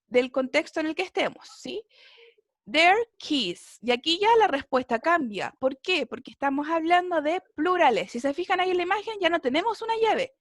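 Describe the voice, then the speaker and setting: A woman's voice: sits high, fairly bright tone, no room sound, clean studio sound. A woman, teaching a basic English class online, explaining patiently and checking in often.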